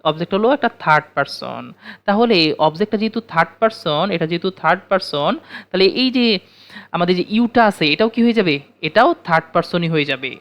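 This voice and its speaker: Lesson teacher, mid pitch, patient drilling, poses questions and answers them. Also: fairly bright tone. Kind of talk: recorded grammar lesson.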